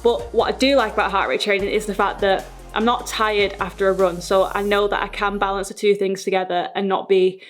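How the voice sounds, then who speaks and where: A woman's voice: mid-range voice, fairly even intonation, brisk, few pauses, soft background music. A woman fitness vlogger chatting casually and informally to her viewers. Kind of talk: casual vlog talk.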